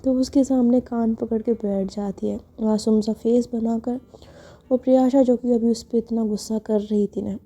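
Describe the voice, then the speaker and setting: A woman's voice: on the high side, dark tone. A woman storyteller narrating a romance story in a chatty, filler-filled way. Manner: conversational, filler-heavy narration. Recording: dull lo-fi audio over music.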